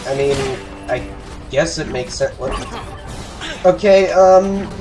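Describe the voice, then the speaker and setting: A man rambles through casual commentary on a video game, full of fillers and self-deprecating asides. His voice is mid-pitched and sounds a bit off-mic. Clear game music plays underneath. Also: fairly even intonation, unhurried, recorded from a distance. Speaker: let's play gamer.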